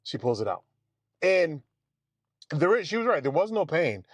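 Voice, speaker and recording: Man, streamer, casual storytelling, animated, fairly high voice, dry close sound. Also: moderate pace, no echo. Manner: animated, acts out dialogue, addresses listeners as family and fellas. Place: home streaming setup.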